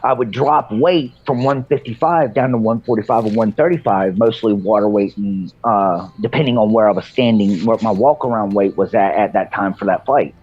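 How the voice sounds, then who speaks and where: A man's voice: lowish voice, normal speed, few pauses, breathy edge. Man on a dull lo-fi line. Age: 30s. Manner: steady, explanatory storytelling. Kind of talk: casual chat. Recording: dull lo-fi call audio.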